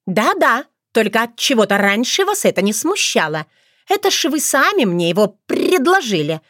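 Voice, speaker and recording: A sharp-tongued young crow bride, put on by a woman reader, pitched well above the narration and pushed louder, teasing with every line. Her voice leaps and dips in a lively way. The sound is close and dry. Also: normal speed, no echo. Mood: mocking. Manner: sarcastic, teasing. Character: mocking young female crow, bald bride.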